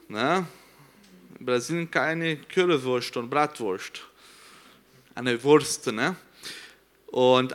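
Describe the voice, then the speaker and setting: This missionary from Brazil has a medium-pitched, fairly bright voice. Portuguese is his first language, and he addresses a congregation earnestly in Brazilian-accented German, at times groping for the right word.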